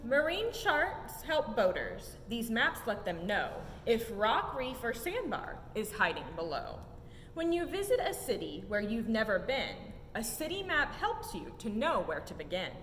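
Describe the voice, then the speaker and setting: A young adult story-time reader at a museum reads a children's picture book at a measured pace, her pitch very animated. The sing-song, rhymed delivery swoops with emphasis, captured in an echoey indoor exhibit room over a low rumble.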